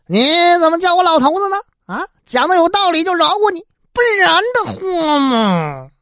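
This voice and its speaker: A woman's voice: huge pitch swings, fairly bright tone, husky, no room sound, clean studio sound, full character voice. A woman putting on a bossy teasing old emperor. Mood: scolding. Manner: bossy, high and quick when scolding. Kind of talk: traditional storytelling.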